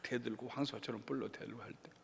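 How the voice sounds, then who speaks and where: A male pastor giving an expository sermon with lively delivery, acting out everyday family scenes. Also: mid-range voice, quick pace, vocal fry, big-room sound, heavy background noise. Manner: animated, acts out everyday scenes.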